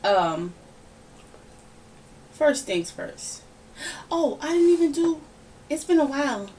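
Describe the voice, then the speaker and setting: A woman hosting a casual podcast, giving her opinions in a lively, ranting, conversational way. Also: high-pitched, slow pace. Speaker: podcast host. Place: home room, relaxed podcast setting. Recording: somewhat distant mic with faint background noise.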